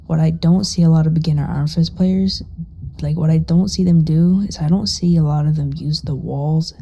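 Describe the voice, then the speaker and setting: Hushed, barely audible woman, low and dark. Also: fairly even intonation, normal speed, a little hiss or hum. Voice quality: very quiet, hushed, partly whispered voice. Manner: casual, sweary. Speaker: gaming guide creator. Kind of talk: casual gameplay tutorial. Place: living room at home.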